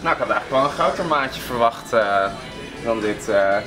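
A man's voice: medium pitch, animated, fairly quick. A man in his twenties, a travel show co-host, bantering in a cocky, competitive way on location. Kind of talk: casual on-location chat. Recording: distant mic with loud music.

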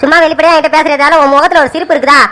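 A woman's voice: high voice, fairly even intonation, rapid-fire, sharp tone. A woman voicing a stern middle-aged village father in a cartoon serial, who coaxes his daughter and lectures her on family honor. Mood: coaxing. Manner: coaxing, pressing questions, lecturing.

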